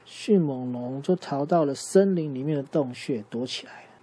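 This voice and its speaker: A man improvising a bedtime story for a child, lively and asking the listener questions along the way. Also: medium pitch, normal speed, slight background noise.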